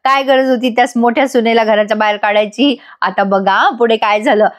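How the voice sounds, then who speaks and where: A woman gives a chatty voice-over recap of a TV serial episode. She speaks straight to her viewers in a rather high voice. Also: a little fast. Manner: chatty, addresses viewers directly. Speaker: TV serial reviewer.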